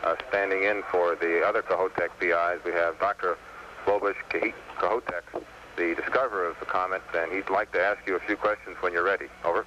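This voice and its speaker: A man speaking as a mission control radio communicator over a space radio link with beeps and static. He follows formal radio procedure in a measured way, with hesitant fillers. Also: low voice, fairly even intonation. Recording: dull, hissy 1970s space radio link.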